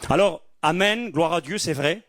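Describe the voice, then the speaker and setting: A man preaching a sermon with lively, animated delivery, acting out the people in his stories. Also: on the high side, normal speed, no echo, clean studio sound. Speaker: pastor.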